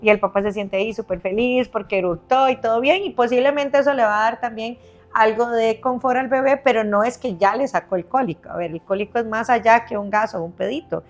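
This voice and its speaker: A woman's voice: on the high side, a little fast, dull audio. A woman specialist patiently explaining baby health on a podcast, step by step, often checking in with her listener.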